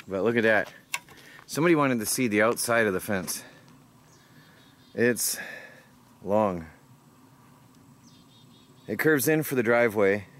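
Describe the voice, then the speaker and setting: A man's voice: lowish voice, a bit bright. A middle-aged man casually narrating his homestead chores outdoors, rambling and chuckling to himself, picked up by a camera mic. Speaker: homesteading vlogger. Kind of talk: casual work-along narration. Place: outdoors on a rural property. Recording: faint outdoor background noise.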